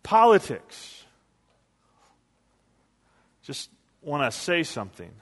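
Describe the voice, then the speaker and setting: Casting: male pastor, slightly higher voice, conversational storytelling sermon, long church reverb. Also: very animated, takes it slowly, a bit bright. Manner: conversational storytelling with quoted asides.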